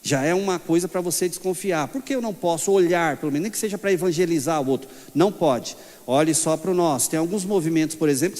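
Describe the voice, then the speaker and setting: A man teaching a church Bible class, mixing lecture points with lively, humorous stories. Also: a little high. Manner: lively, storytelling, humorous asides. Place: church hall. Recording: long reverb of a church hall.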